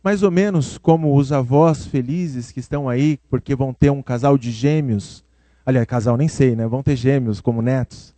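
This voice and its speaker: A man's voice: mid-range voice, moderate pace, mellow, no echo. A man with a Brazilian Portuguese accent preaching a sermon in a conversational way, speaking to his listeners by name. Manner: conversational, addresses listeners by name, acts out quoted voices.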